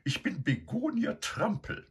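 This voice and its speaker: A man voicing a huge, domineering female sow who barks orders in a high, sharp voice. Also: very animated, unhurried, breathy edge, exaggerated voice. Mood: bossy. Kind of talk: storybook reading.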